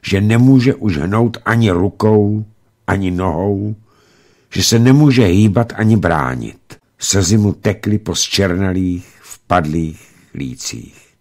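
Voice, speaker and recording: A man reading a novel aloud in a measured, expressive storytelling manner for radio. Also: sits low. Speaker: narrator.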